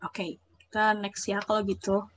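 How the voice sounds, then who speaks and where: A woman's voice: mid-range voice, flat delivery, normal speed. A young woman teaching a language class over a video call. She explains step by step, checks often whether students follow, and reads out example phrases. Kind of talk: online class lesson.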